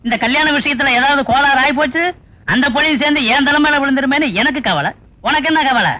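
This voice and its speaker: A man's voice: very high-pitched, quick pace, bright, forceful tone, no room sound. An actor playing an old father who grumbles and wheedles for his snuff. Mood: grumbling. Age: older. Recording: dull old film soundtrack with music. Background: background music.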